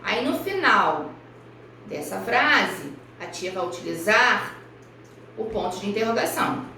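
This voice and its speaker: A woman primary school teacher from Brazil giving a recorded review lesson for children, speaking slowly and carefully and spelling out each example. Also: medium pitch, lively intonation, bright, forceful tone, slight background noise. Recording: echoey room, voice far from mic.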